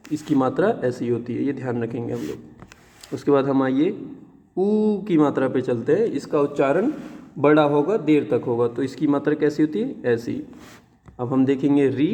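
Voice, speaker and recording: A man teaching young children the Hindi vowels and their signs, saying each sound slowly and repeating it. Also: mid-range voice, dark tone, long reverb tail. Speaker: primary school teacher. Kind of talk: classroom lesson on Hindi vowels.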